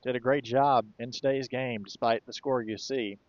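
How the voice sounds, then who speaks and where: Relaxed man calling high school baseball. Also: normal speed, dry recording, highs cut off. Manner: relaxed, conversational, occasional fillers. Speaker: play-by-play announcer. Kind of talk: baseball play-by-play commentary.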